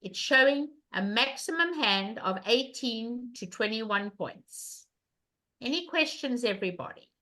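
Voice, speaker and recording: An older woman teaches an online bridge class over a webcam, her loud voice emphatic and animated as she repeats questions to her students. Her pitch runs on the high side, and she keeps a measured pace.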